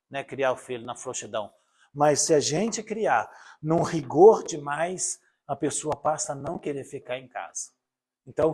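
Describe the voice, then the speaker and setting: Older man, pastor leading a Bible study, husky and a little high, chatty sermon delivery that keeps checking in with the room. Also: a little mellow. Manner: conversational, addresses the congregation directly with rhetorical questions. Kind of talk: informal live sermon.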